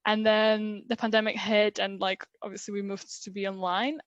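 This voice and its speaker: A woman's voice: medium pitch, flat delivery, normal speed, highs cut off, a little hiss or hum. Chatty young woman from Poland. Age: 20s. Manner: chatty, laughs often, many fillers. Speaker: interview guest, recent graduate. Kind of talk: casual video interview.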